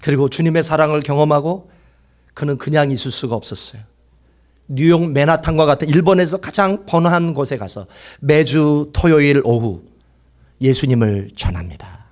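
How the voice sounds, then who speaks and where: A male pastor preaching a fervent sermon, swinging from loud exclaiming to hushed whispers and having the congregation repeat lines after him. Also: on the high side, normal speed.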